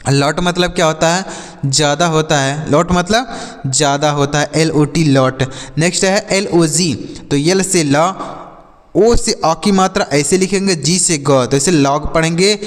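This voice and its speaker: Man, English teacher, patient and repetitive, asks then answers, slightly high voice, reverberant room. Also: unhurried. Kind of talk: Hindi-language phonics lesson.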